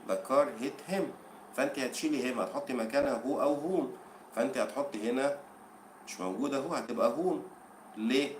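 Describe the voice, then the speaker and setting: A man with an Egyptian Arabic accent teaching English for an exam, explaining in Arabic between slow English quotes and asking the class questions. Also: medium pitch, echoey room, a little hiss or hum. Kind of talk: exam-prep lesson.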